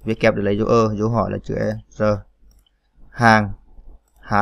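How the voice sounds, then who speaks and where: A man's voice: on the low side, completely flat delivery, moderate pace, gravelly, no room sound. A man hosting a computer typing tutorial, spelling out keys letter by letter with frequent "à" fillers. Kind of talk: screen-recorded typing tutorial.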